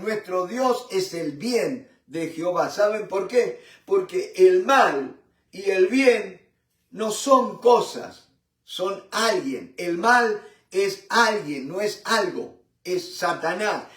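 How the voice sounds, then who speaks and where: A man teaching a Bible study in a fervent sermon style, repeating tag questions and addressing listeners as brothers, with halting restarts and swings in loudness. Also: high-pitched, animated. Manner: fervent, repeats "mi hermano" and "¿no es cierto?". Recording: roomy echo from a distant mic.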